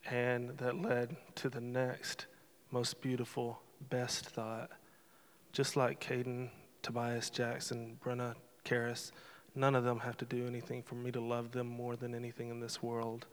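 A man's voice: medium pitch, monotone, unhurried, clear, resonant tone. A middle-aged man speaking at a church service, closing it with an earnest, emotional, personal talk. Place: church sanctuary. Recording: long hall reverb in a sanctuary.

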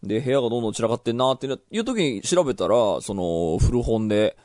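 Fast-talking man on a radio show. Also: medium pitch, expressive, a little mellow, no echo, clean studio sound. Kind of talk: casual radio talk, reading listener mail.

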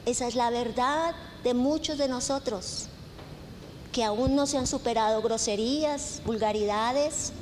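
A woman pastor preaches in a high, bright voice. She tells stories and drives points home by stacking lists and repeating phrases. Her voice rings through a reverberant church hall over a faint hum of noise. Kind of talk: sermon.

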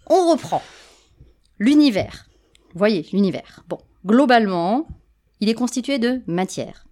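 A woman's voice: on the high side, very animated, unhurried, dark tone. A woman presenting a humorous popular science talk, with playful jokey asides to the audience.

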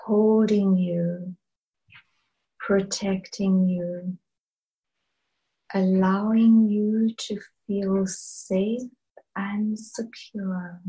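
A woman leading a guided meditation in a soft, soothing, breathy manner, leaving long pauses between phrases. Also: mid-range voice, little pitch movement, lo-fi sound. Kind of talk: slow guided meditation narration.

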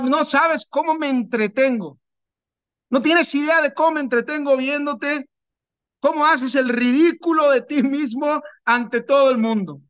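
A gloating male spirit of temptation taunts his victim with mocking glee, voiced by a man telling a parable. The voice sits high and bright. The sound is dry and close. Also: clean tone, dry recording, lo-fi sound.

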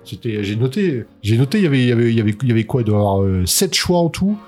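A husky man talks fast and rambles in casual podcast chat, restarting his sentences and swearing as his exasperation builds. Faint music sits under his voice. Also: medium pitch, big pitch swings, darkish tone.

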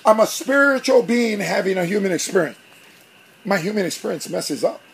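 A male pastor preaches with lively, theatrical energy, slipping into little acted-out scenes. His voice sits high for a man, and a faint hum of noise sits under the recording. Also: moderate pace, gravelly, rough recording. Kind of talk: sermon.

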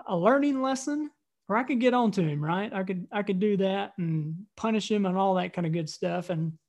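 Male pastor, fairly high voice, animated storyteller who acts out dialogue before reading scripture. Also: normal speed.

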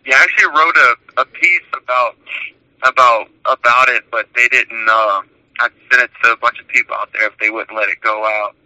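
A man's voice: medium pitch, moderate pace, sharp tone. A man calling from prison on a prison phone line, talking earnestly and reading out an essay he wrote. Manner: earnest, reads out his own written essay. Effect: speaking over a prison phone line. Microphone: prison telephone.

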